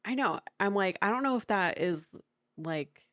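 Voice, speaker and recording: She's a podcast co-host with a mid-range, expressive voice at normal speed, telling a chatty, casual story with lots of "like" and plenty of laughter. The sound is dry, dull and lo-fi, with no room sound.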